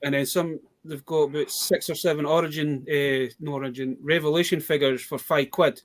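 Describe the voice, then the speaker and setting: A man's voice: on the high side, steady tone, a little fast. A man with a British accent chatting casually about toy bargains in a rambling, storytelling way. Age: adult. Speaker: toy collector guest. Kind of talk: casual live chat.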